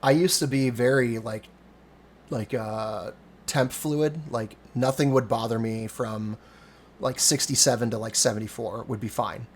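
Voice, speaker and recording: A man in his forties with a gravelly voice talks in a loose, rambling way. He swears freely and grumbles about getting old, in a casual home chat over voice call. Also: medium pitch, steady tone, unhurried, a little hiss or hum. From Cincinnati area, USA. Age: 40s. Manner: rambling, profane, self-deprecating.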